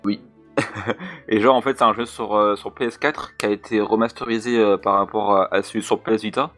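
A man's voice: fairly low pitch, steady tone, moderate pace, fairly bright tone, faint music behind. A young man co-hosting a casual gaming podcast, laid-back and hesitant, stumbling through his descriptions with fillers. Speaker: podcast co-host.

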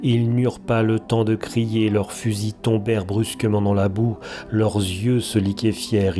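Low, mellow-voiced male storyteller. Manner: measured, deliberate delivery with long pauses. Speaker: narrator. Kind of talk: dramatic audiobook story reading. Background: faint background music.

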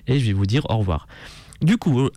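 A man's voice: mid-range voice, lively intonation, a little fast, mellow, dry recording. A man hosting a radio show, talking casually and rambling with many fillers and restarts. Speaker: radio host.

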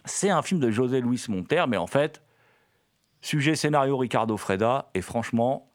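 A man's voice: mid-range voice, expressive, moderate pace. Male film-review host, casual and enthusiastic, stumbling delivery with frequent fillers and restarts. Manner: hesitant, many fillers and repeated words.

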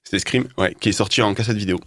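A man's voice: lowish voice, very fast. A male radio host leading a casual studio chat, joking and laughing often. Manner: jokey, laughing a lot, leading the talk.

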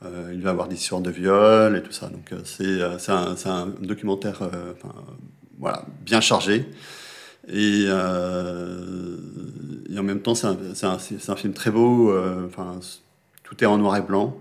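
A man giving a film recommendation in casual talk, halting and searching for words with many fillers. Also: deep voice, level tone, gravelly.

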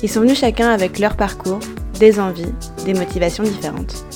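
A woman who produces and hosts the podcast, telling the story of its making in a clear, steady scripted narration. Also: medium pitch, brisk. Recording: guitar music playing under the voice.

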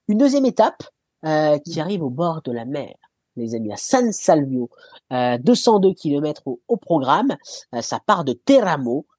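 A man's voice: fairly high pitch, darkish tone, breathy edge, dry recording. A man hosting a casual cycling talk show, jokily recapping the race for listeners. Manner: jokey, recapping stages for listeners. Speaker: show host.

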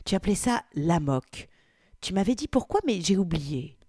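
A woman reading as a bold, teasing young woman who pries with one question after another. The voice sits a little low and sounds mellow. It is close and dry, with no room sound. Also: animated, normal speed, no echo. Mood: prying. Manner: brash, prying questions.

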